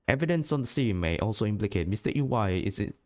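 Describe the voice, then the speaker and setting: A man's voice: fairly low pitch, animated, fast, natural voice. Man doing a stiff TV news announcer. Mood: formal. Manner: stiff newsreader delivery. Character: formal male TV news announcer.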